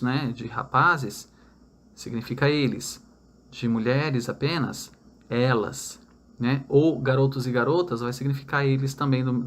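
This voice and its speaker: A man with a Brazilian accent teaching a recorded online lesson, explaining step by step, slowing down for example sentences and often checking in with "tá?" and "né?". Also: medium pitch. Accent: Brazilian Portuguese. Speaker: English teacher.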